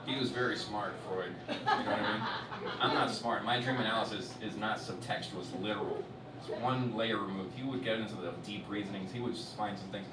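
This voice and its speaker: A man doing a stand-up comedy set on a festival stage. He swears a lot and swings between loud outbursts and low muttered asides. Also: lively intonation, fairly quick, heavy background noise. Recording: roomy hall, distant mic, loud audience.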